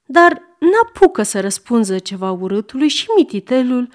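A woman reading a story aloud with lively, expressive narration. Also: on the high side. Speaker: reader.

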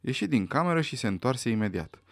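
A man narrating a mystery novel aloud in an expressive, dramatic manner. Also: medium pitch, no echo, clean studio sound. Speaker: audiobook reader. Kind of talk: scripted narration.

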